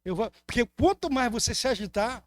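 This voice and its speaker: A very high-pitched male pastor with a Brazilian Portuguese accent preaches a little fast, his intonation lively. He is impassioned, moving between loud emphasis and soft asides, on a dry recording.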